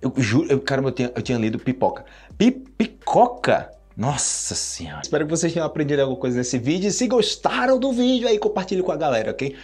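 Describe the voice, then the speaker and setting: Husky Brazilian man teaching. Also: on the high side, sing-song, fast, hardly any pauses, darkish tone, faint music behind. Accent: Brazilian Portuguese. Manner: playful, imitates sounds while explaining. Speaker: Portuguese teacher. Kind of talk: casual video lesson.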